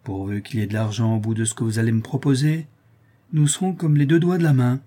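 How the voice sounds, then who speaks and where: A man's voice: mid-range voice, steady tone, fast, dark tone, lightly acted. A man reading aloud and voicing a greedy, scheming old woman who talks in coarse, wheedling slang.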